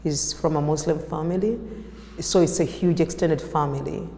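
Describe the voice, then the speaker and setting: Woman artist, Ugandan accent, warm low-key delivery, interview recorded in an echoey hall. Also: steady tone, moderate pace. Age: 30s. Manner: reflective, with frequent fillers and restarts. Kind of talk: personal interview storytelling. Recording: echoey room with long reverb.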